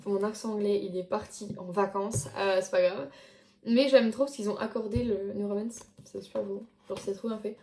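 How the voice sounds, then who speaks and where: A woman's voice: mid-range voice, steady tone, moderate pace, dark tone. A young woman chatting casually about books she read, with many fillers and restarts as she shows them to the camera. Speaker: book vlogger. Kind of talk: casual chat. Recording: echoey room.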